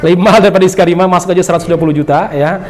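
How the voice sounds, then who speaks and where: A middle-aged man from Bima, giving a religious lecture in a lively, humorous storytelling manner. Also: high voice, rapid-fire. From Bima, Indonesia. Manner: lively and humorous, often laughing and acting out dialogue. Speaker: preacher.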